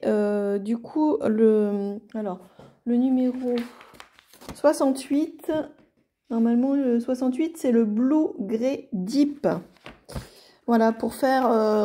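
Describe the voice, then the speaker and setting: A French woman calmly narrating a watercolour card tutorial in a casual way, with many fillers and restarts. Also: on the high side. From France. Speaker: card-making artist.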